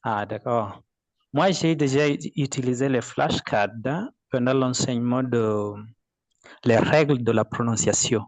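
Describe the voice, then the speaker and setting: Slow, careful Kenyan teacher. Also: male voice, medium pitch, no room sound. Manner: careful, hesitant. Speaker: participating teacher. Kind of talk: sharing teaching experience in an online workshop. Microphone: video call.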